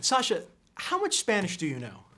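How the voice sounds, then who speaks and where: A man's voice: sits high, huge pitch swings, normal speed, sharp tone, soft background music. A man hosting an entertainment interview, asking questions with enthusiasm and laughing easily. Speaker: entertainment show host. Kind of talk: press interview.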